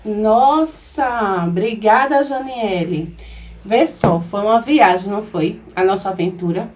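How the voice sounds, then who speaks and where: A woman's voice: mid-range voice, moderate pace, a little mellow. A woman teacher talking conversationally and asking her audience questions.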